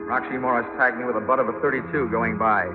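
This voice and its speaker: An actor playing Johnny Dollar, a wisecracking American insurance investigator, in 1940s radio drama style. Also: male voice, mid-range voice, steady tone, fast, close to an everyday voice. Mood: tense wry narration. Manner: wry, slangy, hardboiled. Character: wisecracking hardboiled male insurance investigator narrating his case. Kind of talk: 1940s radio detective acting and narration. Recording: dull vintage radio recording with loud music.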